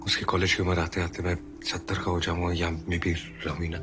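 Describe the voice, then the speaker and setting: An actor playing a regretful man of fifty who speaks quietly and with resignation, mixing Hindi and English. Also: low voice, flat delivery, moderate pace, over music, close to an everyday voice. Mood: resigned. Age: 50s. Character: weary fifty-year-old man, regretful ex-husband. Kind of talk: film dialogue.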